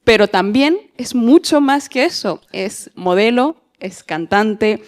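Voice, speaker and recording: A woman's voice: a little high, expressive, takes it slowly. A woman moderating a panel in a semi-formal but conversational way, often ending phrases with tag questions.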